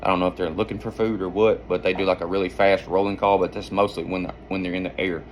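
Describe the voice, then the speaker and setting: A man with a low voice walks through a practical tutorial in an informal, folksy manner. His explanations ramble along like those of an amateur outdoorsman showing a skill. There is some noise behind him. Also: level tone, quick pace. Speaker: duck-calling instructor and hunter.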